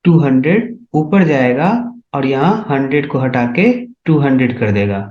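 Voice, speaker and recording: A man's voice: mid-range voice, animated, normal speed. A man teaching C programming in a step-by-step tutorial, often asking whether his students are following along. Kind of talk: screen-recorded coding tutorial. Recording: echoey, dull lo-fi room sound.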